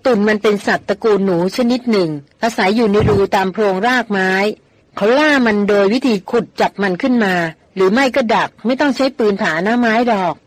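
A woman reader voicing a patient older brother who calmly explains and gently worries. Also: medium pitch, a little fast, no room sound, close to an everyday voice. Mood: explaining. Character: patient older brother, steady young man.

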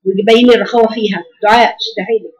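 A woman with an Egyptian accent teaching Quran recitation to a class of girls, correcting students and repeating words slowly to drill them. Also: medium pitch, fairly even intonation, low-quality recording. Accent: Egyptian Arabic.

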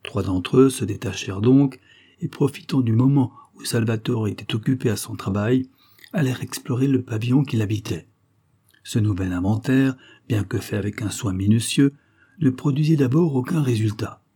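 A man reading a historical novella aloud in measured, even storytelling. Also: medium pitch, slightly rough. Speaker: audiobook reader. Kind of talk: scripted narration of a historical novella.

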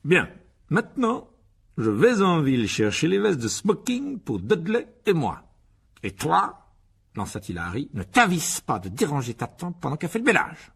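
A blustering middle-aged uncle barks orders in a high, swaggering storybook voice, put on by a man reading aloud. He sounds smug and bossy, with a husky, gravelly edge. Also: huge pitch swings, moderate pace, exaggerated voice. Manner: bossy, loud, self-satisfied.

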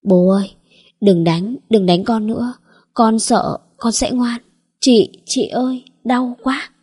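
A woman's voice: medium pitch, lively intonation, measured pace, slightly rough. A woman reading an audiobook, voicing a frightened, feverish young man who pleads like a child in a whimpering voice. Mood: frightened pleading.

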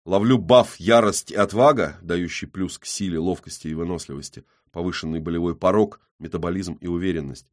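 A man's voice: low-pitched, fairly quick, hardly any pauses, darkish tone. A man reading a first-person audiobook with gritty, tense storytelling. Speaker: audiobook narrator.

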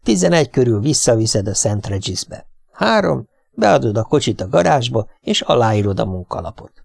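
A nervous husband talks his wife round in a steady, coaxing tone, as a male audiobook reader plays him. His voice is gravelly and heard close and dry. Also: medium pitch, dry recording. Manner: coaxing, reassuring, plain.

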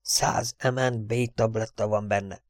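A man doing a gruff, brisk country vet. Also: medium pitch, lively intonation, a little mellow, no echo, studio quality, natural voice. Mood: furtive. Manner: gruff and hurried, often dropping to a furtive whisper. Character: brisk, kind-hearted male country vet.

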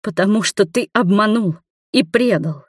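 A woman voicing a hurt young woman, shouting high and accusing at her former lover in an audiobook. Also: normal speed, no echo, studio quality, natural voice. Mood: bitter.

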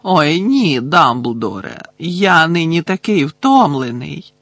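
A man reading an audiobook, voicing a sleepy, haughty old male portrait wizard with a squeaky voice. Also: big pitch swings, takes it slowly, a bit bright, no echo, heavily acted. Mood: whiny.

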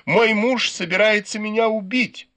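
A man's voice: sits high, fairly even intonation, measured pace, pushed and bright, voice pushed up. A man voicing a desperate, tearful noblewoman who pleads and complains in an audiobook. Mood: pleading. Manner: pleading, wailing.

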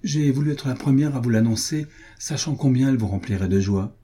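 A man reading the part of a scheming baroness who speaks with honeyed, feline flattery in a storybook novel. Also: medium pitch, brisk, breathy edge, pitched above the performer's own voice, lightly acted. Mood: falsely sweet. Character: scheming older baroness, falsely sweet.

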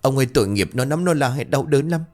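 A man's voice: mid-range voice, lively intonation, quick pace, a little mellow, pitched above the performer's own voice, close to an everyday voice. A man voicing a grieving, superstitious middle-aged mother who pleads and insists on what she saw, in a narrated ghost story. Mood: pleading.

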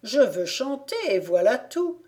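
A man's voice: sits high, big pitch swings, measured pace, darkish tone, voice pushed up. A woman doing Chub, a grumbling old peasant. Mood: wary. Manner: muttering to himself, suspicious. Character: grumbling old peasant man, sly and stubborn.

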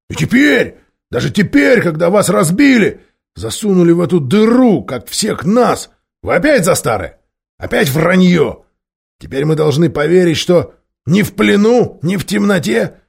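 A man's voice: gravelly, husky, exaggerated voice. A man voicing a stubborn, scornful male dwarf in a storybook reading, snapping and grumbling. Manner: snapping, shrill when outraged.

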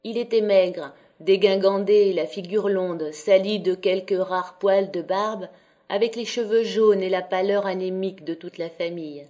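A woman reading a classic novel as an audiobook in a steady, measured voice of middle pitch. Her delivery is calm and descriptive, dwelling evenly on each detail of the scene. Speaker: audiobook reader.

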